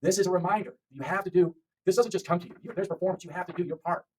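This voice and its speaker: Fast-talking husky man teaching English. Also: high-pitched, fairly even intonation, darkish tone, distant mic, rough recording. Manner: repetitive, encouraging, lots of "okay?". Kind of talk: online lesson narration.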